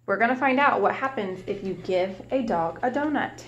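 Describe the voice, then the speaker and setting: Her mid-range voice is expressive as this young woman reads a picture book to small children, pausing to ask them questions in a warm, preschool-teacher manner. It was recorded on a webcam at arm's length in a small room at home, with lo-fi sound and a bit of hiss or hum.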